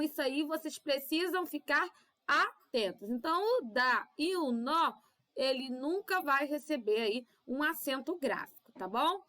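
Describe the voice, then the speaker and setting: A woman with a Brazilian Portuguese accent teaching young children in a recorded class, with drawn-out syllables and constant "tá?" checks. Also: high-pitched, bright, forceful tone. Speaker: primary school teacher.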